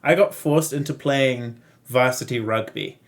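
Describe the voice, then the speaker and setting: A man's voice: mid-range voice, unhurried. Laid-back male podcast co-host. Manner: laid-back, laughs often. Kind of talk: casual chat.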